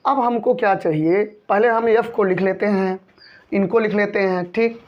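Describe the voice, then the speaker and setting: A man's voice: high voice, normal speed. Male maths teacher, patient, repeats himself, checks in often, dull lo-fi sound. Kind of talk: maths lesson explaining a textbook problem. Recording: dull lo-fi recording.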